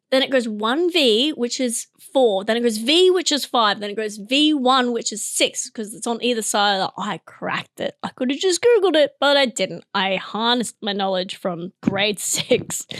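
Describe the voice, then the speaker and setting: This is a high-pitched Australian woman in her young adult years, talking straight into a close, dead-dry mic. She rambles through a comedy monologue, giggling at her own bits and chopping her sentences short to jump to the next idea. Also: a bit bright, no room sound. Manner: giggly, self-interrupting, jumps between bits. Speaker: comedy podcast host.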